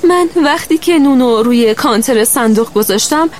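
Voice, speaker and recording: A woman narrating a first-person children's story in a gentle, steady way. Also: a little high.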